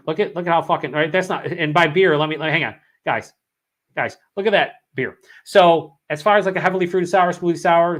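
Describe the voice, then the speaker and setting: A man's voice: on the high side, fairly bright tone. A man with a sore throat after hours of talking, hosting a live beer-review stream, rambling and swearing as he reads chat comments aloud.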